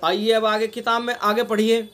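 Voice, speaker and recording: A man with a Delhi Urdu accent teaching Quran recitation rules in an online class, patiently explaining and repeating examples with drawn-out nasal sounds. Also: high voice, monotone, a bit bright. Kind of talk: online tajweed lesson. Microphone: online class recording.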